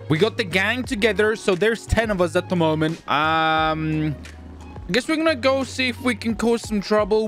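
A man with a high voice hosts a gaming video, giving excitable, theatrical commentary with playful roleplay and frequently repeating his phrases.

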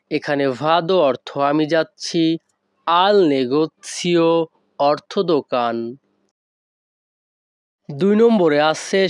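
Male language teacher, unhurried and smooth-voiced, pitched a bit high, spells out each phrase slowly. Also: no echo, muffled recording. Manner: says each phrase in Italian very slowly, then explains it in Bengali. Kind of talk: language lesson.

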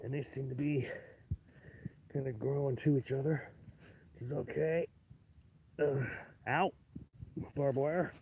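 A man's voice: mid-range voice, steady tone, slow, long pauses. A man giving a casual walking tour of his homestead, rambling with lots of fillers, recorded outdoors on a handheld phone. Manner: rambling, filler-heavy, chatty. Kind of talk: casual walkaround narration. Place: outdoors on a rural homestead yard. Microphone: phone camera held while walking. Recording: tinny phone-line sound with faint noise.

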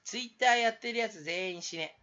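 A man from Kanto rambling alone as a YouTuber, goofing around in a put-on Kansai dialect and jumping between quiet mutters and loud outbursts. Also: high-pitched, moderate pace, muffled recording. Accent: put-on Kansai dialect over Kanto speech. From Kanto, Japan. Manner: goofy, jumpy, abrupt swings in loudness. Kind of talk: rambling solo chat.

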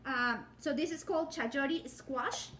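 A woman's voice: sits high, slow, a bit bright, a little hiss or hum. A woman, chatting casually as she shows a cooking technique in her home kitchen, rambling, full of fillers and self-corrections. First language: Spanish. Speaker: home cooking channel host. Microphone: phone or camera set up on the counter, framed from the waist up.

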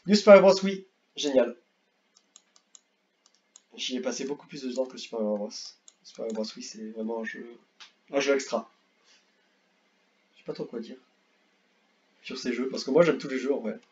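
A young man casually ranking video games, rambling and repeating himself, with excitable bursts. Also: medium pitch, moderate pace, pauses often, highs cut off. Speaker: gaming youtuber. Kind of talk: casual tier-list commentary.

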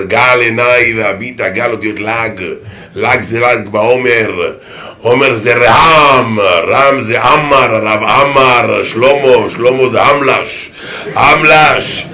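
A man voicing an older rabbi who chants rhyming wordplay in a slow, loud, sing-song way. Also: medium pitch, close to an everyday voice.

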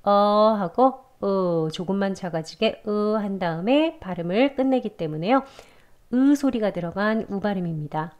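A woman's voice: mid-range voice, animated, muffled recording. Patient woman teaching English pronunciation. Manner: slow, patient, repeats sounds and model words. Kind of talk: pronunciation lesson.

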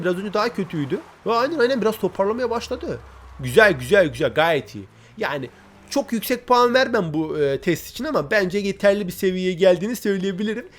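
A man hosting a gaming channel, giving chatty, excitable commentary and talking straight to his viewers. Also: high voice, a little hiss or hum. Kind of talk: casual gameplay commentary.

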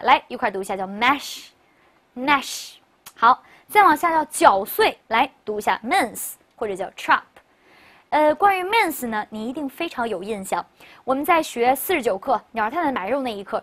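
Woman teacher, bit high voice, quick and chatty, keeps getting the class to repeat words. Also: a bit bright. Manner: brisk, leads repeat-after-me word drills; chatty, asks rhetorical questions. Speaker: English teacher. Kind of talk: recorded classroom lecture.

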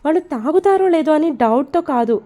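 A practical young woman assistant who gets straight to the point, as a woman narrator voices her. The voice is slightly high and mellow, with a plain, matter-of-fact delivery, read out like a storybook. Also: expressive, fast talker. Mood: blunt.

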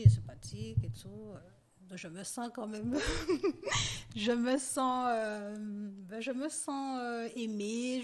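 Hesitant, soft-spoken woman guest. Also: on the high side. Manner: halting, hesitant, many pauses and fillers. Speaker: podcast guest. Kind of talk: personal testimony in conversation.

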